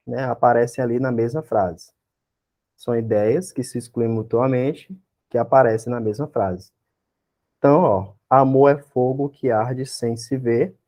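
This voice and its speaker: A man's voice: mid-range voice, mellow. A man with a Brazilian Portuguese accent, teaching an exam-prep class. He explains step by step and keeps checking in with his students through tag questions and rhetorical questions.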